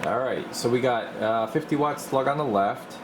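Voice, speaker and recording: A man of medium pitch and normal speed explains a hands-on repair, with background noise behind him. He's a radio repair technician hosting a video, and his how-to walkthrough is casual and rambling.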